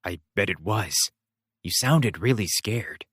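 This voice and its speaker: A man narrating a novel in the first person, wry and expressive. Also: lowish voice, slow, breathy edge, no echo, clean studio sound. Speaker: audiobook reader.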